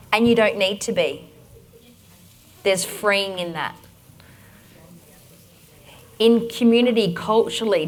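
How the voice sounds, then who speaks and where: An Australian woman runs a conference workshop in a mid-pitched voice. She talks to the room directly and energetically, guiding the audience through group activities and telling stories from her own work. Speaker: workshop presenter.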